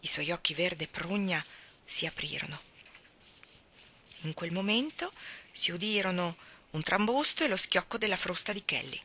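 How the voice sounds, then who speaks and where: A woman reads a literary story aloud with a measured, expressive delivery. Her voice sits low yet sounds bright and clear, and she often sinks into a hushed near whisper. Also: slight background noise. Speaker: narrator. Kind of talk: storybook reading.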